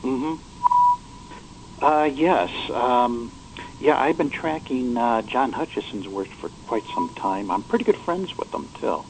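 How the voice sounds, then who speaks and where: A man on the phone as a guest on a call-in radio show, speaking quietly and explaining haltingly with many fillers. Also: mid-range voice, animated, a little hiss or hum, rough recording. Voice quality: quiet, hard to hear on the line. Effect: over the phone.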